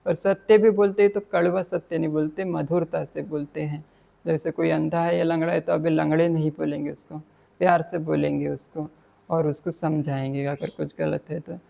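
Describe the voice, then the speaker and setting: A man's voice: on the high side, level tone, normal speed, creaky, warm tone. A man giving a dhamma talk, explaining Pali verses in plain words and mixing in English terms. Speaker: Buddhist dhamma teacher.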